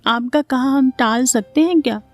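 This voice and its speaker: Woman voicing a naive young daughter-in-law, coy, innocent, high voice, dry close sound. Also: moderate pace, no room sound, close to an everyday voice.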